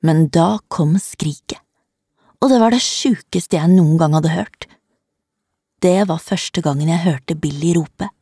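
A woman reading a children's story aloud in the first person, in a calm and even storytelling manner, close to the microphone. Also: sits low, breathy edge, no room sound. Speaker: narrator.

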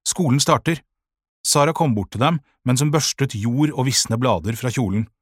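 A man narrating a children's audiobook in a calm, measured way, with a husky voice. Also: medium pitch, no room sound, studio quality.

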